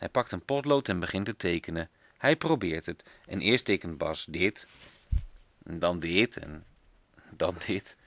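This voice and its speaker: A man's voice: sits low, unhurried, no echo. A man reading a children's book aloud as a parent, telling it expressively. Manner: expressive storytelling.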